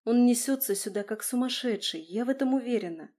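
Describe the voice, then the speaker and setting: A woman's voice: on the high side, lively intonation, brisk, dark tone. A woman voicing a young, nervous female friend who talks reassuringly at a bedside. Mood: anxious.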